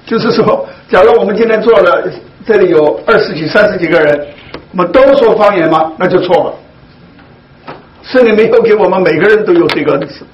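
A man leading a Bible study for his congregation, speaking slowly and deliberately with many hesitant fillers. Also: sits high. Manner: slow, deliberate, with frequent fillers. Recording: dull lo-fi recording, faint hiss.

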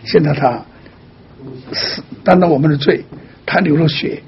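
A man answering a caller as a pastor, explaining patiently step by step and often softly asking whether that is all right. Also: a little high, measured pace, creaky, dull audio, a little hiss or hum. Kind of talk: pastoral counseling.

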